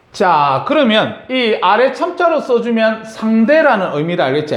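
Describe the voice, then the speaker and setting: A man's voice: high voice, roomy sound, a little hiss or hum. A man teaching a science class, lecturing and often checking in with his students. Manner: lively, asks students frequent check-in questions.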